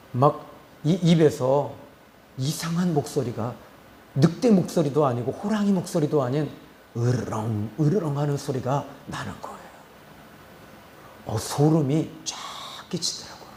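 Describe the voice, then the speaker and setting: A man's voice: medium pitch, roomy sound, a little hiss or hum. A man pastor preaching a sermon as dramatic storytelling, drawing out words for emphasis.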